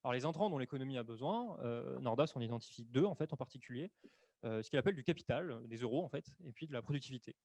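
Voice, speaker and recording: A man explaining economics in a webinar, speaking quickly and filling his sentences with hesitations and self-corrections. The sound is dry and close, recorded on a desk microphone at his computer. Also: mid-range voice, expressive, a little mellow, no echo. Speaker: webinar presenter. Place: room at home or office, on camera.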